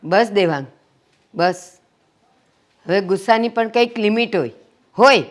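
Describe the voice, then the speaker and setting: A woman's voice: mid-range voice, unhurried, close to an everyday voice. A woman playing an older mother who heads the family, making peace and lecturing earnestly. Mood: stern scolding. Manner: earnest, scolding when roused. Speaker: family matriarch. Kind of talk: family drama acting.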